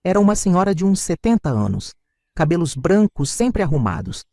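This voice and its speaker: A man reads a scripted first-person story with dramatic expression. His voice is mellow and fairly high, and it rises and falls a lot. It is recorded close and dry. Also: sing-song, brisk, gravelly, dry recording. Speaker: narrator.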